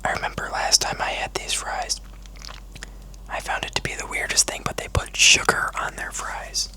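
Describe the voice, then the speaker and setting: A mukbang host whispers steadily from beginning to end in ASMR food-vlog style, staying close to the microphone. The delivery is casual, chatty and unhurried, and the recording quality is low.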